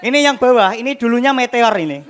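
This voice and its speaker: A young man with a high, light voice works through a stand-up set on a studio stage. He tells his stories in an animated way, acting out voices and sound effects. The audience laughs loudly over a noisy broadcast sound. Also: quick pace, a crowd in the background. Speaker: stand-up comedian.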